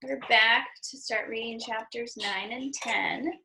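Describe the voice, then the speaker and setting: A woman at home reading a children's book aloud with a child, pausing to ask patient questions about the story. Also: fairly high pitch, gravelly, pushed and bright, slight background noise, low-quality recording.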